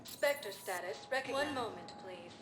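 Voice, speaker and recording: A woman voicing a calm, polite female transit computer that gives automated announcements in a video game. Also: mid-range voice, normal speed. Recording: echoey with busy background noise.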